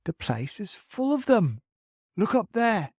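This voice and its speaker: A storybook reader voicing a calm, thoughtful young boy, hesitant at times but firm. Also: medium pitch, slow pace, slightly rough, voice pushed up, heavily acted.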